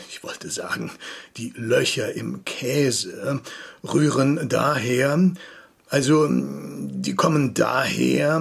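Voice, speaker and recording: A man's voice: mid-range voice, vocal fry, husky, exaggerated voice. A man voicing a hesitant middle-aged lawyer who stumbles over his words. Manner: halting, fumbling, slow.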